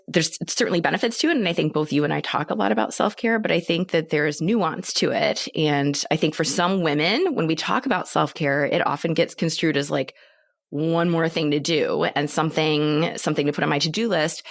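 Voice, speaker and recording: A woman hosting a podcast interview, asking thoughtful, measured questions. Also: sits low, gravelly, no room sound, clean studio sound. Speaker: podcast host, physician.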